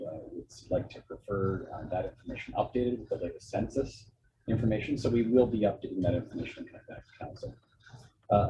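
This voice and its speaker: Brief: deep-voiced male staffer dialed in remotely, sound muffled and tunnel-like, steady hiss behind him. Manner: measured, with frequent fillers and restarts. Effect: muffled remote line, sounds like in a tunnel. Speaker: municipal staff member. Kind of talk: formal council report. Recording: muffled lo-fi remote call with background noise.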